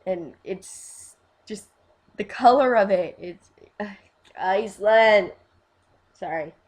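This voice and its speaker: A woman in casual fan chat, rambling and gushing, full of fillers, swinging from quiet asides to loud bursts. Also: medium pitch, lively intonation, slow. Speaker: fan vlogger.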